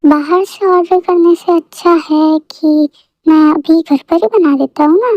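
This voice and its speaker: A woman's voice: very high-pitched, unhurried, no echo. A woman voicing a teasing mafia boss husband. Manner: playful, flirty, boastful. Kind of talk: fan audio story. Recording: dull lo-fi dry recording.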